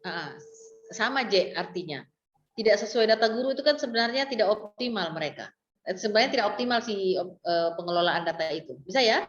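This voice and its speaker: Woman, online trainer, mid-pitched, thinks aloud with fillers, dull call audio. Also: expressive, fairly quick, reverberant. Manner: explains step by step with many fillers and restarts. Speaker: training instructor. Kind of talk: online class instruction. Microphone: video call.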